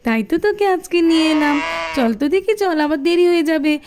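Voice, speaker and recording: A woman's voice: very high voice, animated, fast, noisy background. A woman voicing an eager, caring schoolgirl in a doll cartoon. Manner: eager, pleading.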